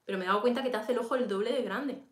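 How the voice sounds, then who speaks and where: A woman's voice: a little high, racing, noisy background. A woman with a Peninsular Spanish accent, hosting a casual makeup tutorial livestream. She talks straight to her viewers and answers their comments as she works. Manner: chatty, addresses viewers directly, reads and answers comments. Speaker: beauty livestream host. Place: home room during a livestream. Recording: echoey room.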